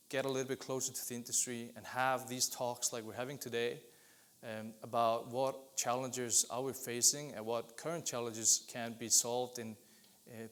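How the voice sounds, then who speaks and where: Guy presenting at an industry conference, mid pitch, steady explaining tone, restarts now and then. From Iceland. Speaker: business development lead presenting at an industry event.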